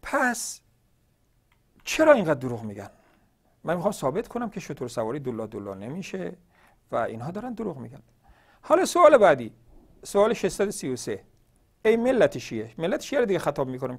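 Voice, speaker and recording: With a slightly high, somewhat mellow voice and vocal fry, a northern Iranian man leads a televised religious Q&A program. He delivers a forceful polemical monologue, leaning heavily on rhetorical questions.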